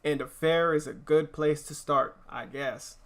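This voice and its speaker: A practical, easygoing farm father from a storybook, read by a man. He talks plainly and paternally in a bright voice with some creak. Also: a little high, a little slow. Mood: resigned.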